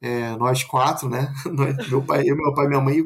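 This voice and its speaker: A man telling a true ghost story as a podcast guest, in a casual, animated way, full of fillers and acting out his parents' voices. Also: mid-range voice, moderate pace. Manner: frequent fillers like 'tipo' and 'assim'.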